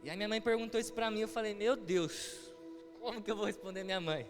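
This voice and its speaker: Young Brazilian man, high-pitched preacher, heartfelt testimony style; long reverb, soft music underneath. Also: quick pace. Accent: Brazilian Portuguese. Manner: heartfelt storytelling, acting out quoted dialogue. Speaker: guest preacher. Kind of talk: testimony sermon. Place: church hall with music behind.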